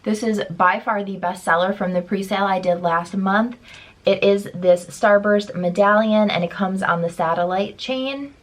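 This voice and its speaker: Young woman vlogging makeup while sick, stuffy nasal voice, lower energy but chatty. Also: steady tone, moderate pace. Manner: lower energy, upbeat product talk. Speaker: beauty vlogger. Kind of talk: casual chat to camera.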